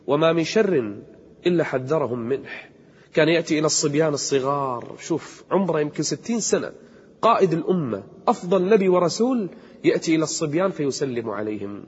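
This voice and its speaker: A man giving an impassioned sermon, slowing down to chant verses. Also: fairly high pitch, husky. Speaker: preacher. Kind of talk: emotional sermon. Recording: echoey hall on a dull cassette tape.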